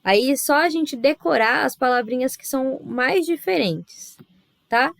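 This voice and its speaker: A woman's voice: sits high, animated, a little slow, gravelly, no echo. A woman teaching a Spanish class with a Brazilian Portuguese accent, explaining patiently step by step and checking in with her students. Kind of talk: recorded class lesson.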